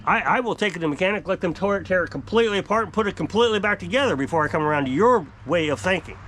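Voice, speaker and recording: Fifties male vlogger, high lively voice, exasperated rant straight to camera, outdoor porch. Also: very fast, a little hiss or hum. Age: 50s. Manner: exasperated, emphatic, gesturing widely. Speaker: off-grid homestead vlogger. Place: outdoor covered porch by woods.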